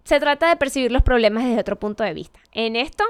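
A motivational speaker, a woman, gives a conversational talk, posing rhetorical questions and correcting herself as she goes. Her voice is a little high, animated and fast, clear with a resonant tone, in a dry recording.

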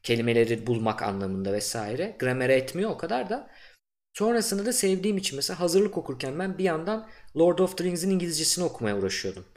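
A young man hosting a podcast interview, talking in a relaxed, chatty way with plenty of fillers. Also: fairly high pitch, fast talker. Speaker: podcast host. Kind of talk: casual interview chat.

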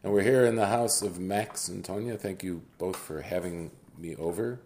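Deep-voiced, easygoing male podcast host. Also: normal speed, a little mellow, a little hiss or hum. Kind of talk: casual interview. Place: a friend's house.

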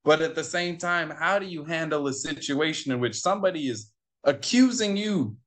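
Speaking at a moderate pace in a slightly high voice, this interview guest from the United States recounts something that happened to him. He performs the dialogue he quotes and says key phrases more than once to stress them.

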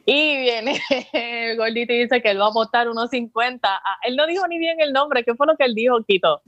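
A woman's voice: fairly high pitch, fairly quick, a bit bright, no room sound. A woman co-hosting a casual sports chat, chatty and stumbling over her words. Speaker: co-host. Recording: dull, dry sound.

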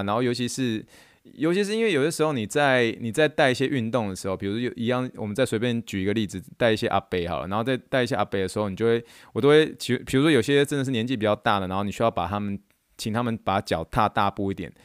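Brief: man from Taiwan, quick animated storyteller, smooth clear voice, dry close sound. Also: mid-range voice, no room sound. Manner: animated storyteller who acts out quotes. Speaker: podcast host and therapist. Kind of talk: casual chat monologue.

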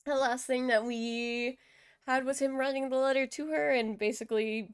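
A woman's voice: high voice, fairly even intonation, moderate pace, smooth, dry recording. Laughing woman co-host, dry close sound. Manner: laughs often, loose and joking. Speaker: podcast co-host. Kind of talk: casual chat on a call.

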